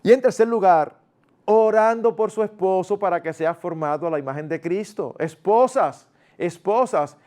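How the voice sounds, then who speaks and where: A male pastor delivers a sermon. His voice sits high, and he talks to the congregation in a lively, conversational way, stepping into everyday family dialogues in a raised voice.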